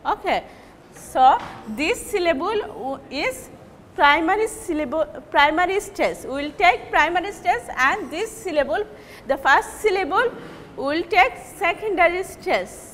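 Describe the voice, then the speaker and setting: A woman with a Bangladeshi accent lectures slowly and deliberately, modeling each example word more than once. Her voice sits high and sounds bright. The recording carries a long room echo and faint background noise. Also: animated. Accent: Bangladeshi English. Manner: measured, repeats example words slowly to demonstrate. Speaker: English teacher. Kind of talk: classroom lecture on word stress.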